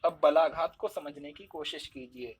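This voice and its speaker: Male teacher, husky and slightly high, patiently explaining and demonstrating examples aloud. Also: steady tone, normal speed. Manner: explains step by step, acts out examples with shifting stress. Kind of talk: spoken Hindi lesson.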